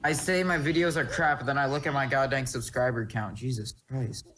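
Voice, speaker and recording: A man's voice: mid-range voice, steady tone, a bit bright, faint music behind. A young man chatting casually over a game, blunt and swearing now and then. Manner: blunt, swears, quick to shut others down. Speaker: guest co-commentator. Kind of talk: casual gameplay chat.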